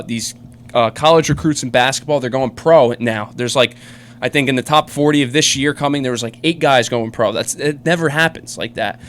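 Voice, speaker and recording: A man's voice: medium pitch, a little hiss or hum. A man co-hosting a sports podcast, chatting casually and giving strong opinions with lots of fillers. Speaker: podcast co-host.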